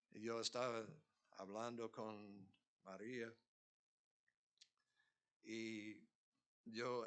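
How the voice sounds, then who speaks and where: Slow, bright-voiced preaching man. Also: medium pitch. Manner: slow, earnest preaching with rising emphatic peaks. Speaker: pastor. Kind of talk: sermon. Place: church.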